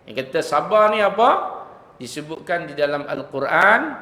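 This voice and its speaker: A male preacher with a Malaysian accent delivers a religious lecture in a fairly high voice, posing rhetorical questions and chanting Arabic verses. The sound is roomy and reverberant, with a long hall echo trailing each phrase. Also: big pitch swings, normal speed. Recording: reverberant hall over loudspeakers.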